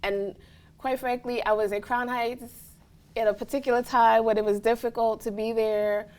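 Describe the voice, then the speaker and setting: A woman's voice: a little high, level tone, normal speed, a little mellow. Earnest woman from Trinidad and Tobago. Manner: reflective, earnest, often asks "right?". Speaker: interviewee, college staff. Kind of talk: casual interview answers.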